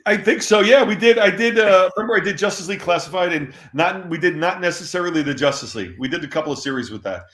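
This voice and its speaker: A middle-aged man, a former comics editor, tells lively stories as an interview guest. He laughs often and repeats words when excited. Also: high voice, fast, hardly any pauses. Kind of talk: casual anecdotal storytelling. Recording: roomy echo.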